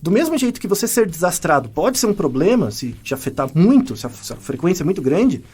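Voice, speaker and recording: A man's voice: sits high, sing-song, fast, darkish tone, slightly rough. A man, a scientist co-host, explaining things in casual podcast chat with lots of examples and repeated words.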